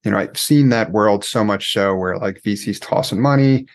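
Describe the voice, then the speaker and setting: A man's voice: lowish voice, normal speed. A man hosting a podcast interview, asking questions in a loose, conversational way. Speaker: podcast host. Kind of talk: casual interview talk.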